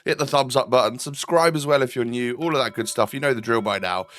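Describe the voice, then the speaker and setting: A man's voice: mid-range voice, fast, fairly bright tone. Stuffy-nosed man chatting over gameplay. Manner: chatty, with frequent ums and repeated words. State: stuffy nose from a coming cold. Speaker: gaming channel host. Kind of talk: casual gameplay commentary.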